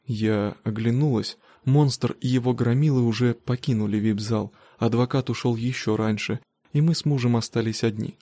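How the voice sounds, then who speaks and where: Male audiobook reader, steady delivery, mellow tone, dry booth. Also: medium pitch, normal speed, no room sound. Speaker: audiobook narrator. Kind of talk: first-person audiobook narration.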